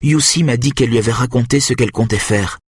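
A man voicing a frightened young captive, hoarse and urgent as he pleads and insists. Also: mid-range voice, fast, no echo, clean studio sound, voice pushed up, natural voice. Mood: pleading.

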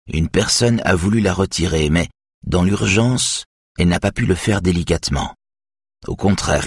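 A man reading an audiobook, voicing a calm, observant male detective who reasons aloud. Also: low-pitched, vocal fry, breathy edge, no echo, clean studio sound, full character voice.

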